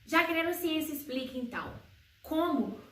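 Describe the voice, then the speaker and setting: A woman homeschooling educator explaining to parents, slowly posing questions and answering them herself. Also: expressive, fairly bright tone. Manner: sings baby words in a high sing-song voice. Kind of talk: educational video talk to parents. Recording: roomy echo, slightly far from mic.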